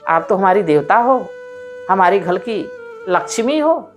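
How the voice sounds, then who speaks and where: A woman voicing a meek, devoted young daughter-in-law who pleads and prays gently. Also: medium pitch, lively intonation, measured pace, soft background music, natural voice. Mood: pleading.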